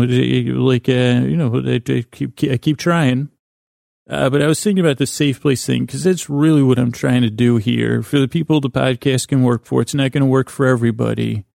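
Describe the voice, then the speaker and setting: In soothing tones, a man with a creaky, mid-pitched voice murmurs a rambling bedtime monologue. His delivery is very flat and halting, full of stammered false starts and thoughts that trail away. Recorded close and dry with no echo, he sounds like a podcast host talking straight to the listener.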